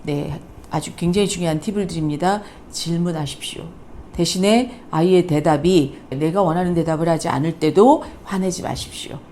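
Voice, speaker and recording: Low, mellow-voiced woman counselor. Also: normal speed, a little hiss or hum. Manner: poses rhetorical questions to the listener; acts out parents' lines in quotes. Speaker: parenting and youth counselor. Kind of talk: lecture-style parenting advice.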